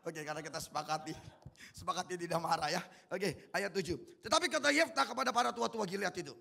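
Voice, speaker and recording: A man's voice: sits high, fast talker, gravelly, pushed and bright. A male pastor giving an interactive sermon in a colloquial way, quizzing the congregation with repeated questions.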